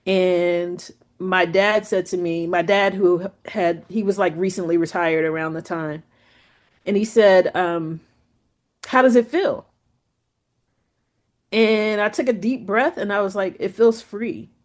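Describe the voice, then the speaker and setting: A woman guest on an interview show, telling her story in a casual, chatty way, peppered with "like" and "you know". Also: measured pace. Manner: acts out quoted speech with lively pitch jumps. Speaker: guest photographer.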